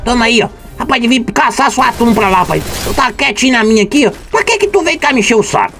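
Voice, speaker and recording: A man talks through a shooter match, his voice swinging up and down as he exclaims and mimics gunshots. Game music plays clearly behind him. He sounds animated and excitable throughout. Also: extremely high pitch, fast. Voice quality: lively, exclaiming, calls shots with sound effects. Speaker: gaming streamer. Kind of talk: excited gameplay commentary.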